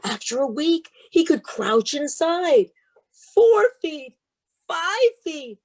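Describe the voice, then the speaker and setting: A woman appears as a guest author, mixing interview talk with expressive storybook reading. Her high voice swings widely in pitch, slow and a little mellow, with an emphatic, rhythmic delivery suited to sharing books.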